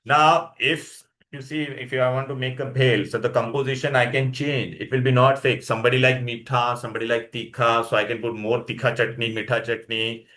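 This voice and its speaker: A man's voice: medium pitch, flat delivery, a little fast, few pauses, sharp tone. A male school science teacher with an Indian accent, teaching a class in English mixed with Hindi, repeating points and checking understanding with short tag questions. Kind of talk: classroom lesson with questions to students.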